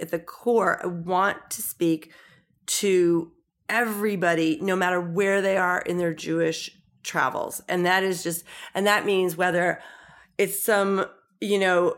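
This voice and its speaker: Middle-aged woman, guest in a casual chat, animated storyteller who acts out quotes. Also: fairly low pitch, measured pace. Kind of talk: casual conversational interview.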